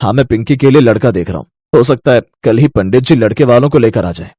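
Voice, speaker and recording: Brief: man playing an exasperated young brother, husky voice, swings a lot in pitch. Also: lively intonation, fast talker, dark tone. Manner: scolding, exasperated. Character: stern young husband and elder brother. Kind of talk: storybook character voice.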